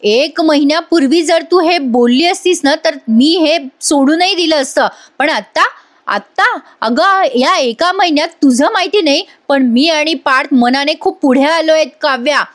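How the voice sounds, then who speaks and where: Woman reading as a stern, reproachful young wife scolding her sister, high voice, serial recap. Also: moderate pace, natural voice. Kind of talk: retelling a serial's dialogue.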